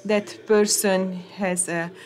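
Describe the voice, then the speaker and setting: A woman interpreting conference talks into English, halting, with many hesitations and restarts. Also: medium pitch, flat delivery, a little mellow.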